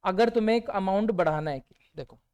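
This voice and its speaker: During a revision lecture, this male teacher throws out rhetorical questions and frequently supplies his own soft one-word answers. He speaks in a high register at a fairly quick pace, his tone clear and resonant.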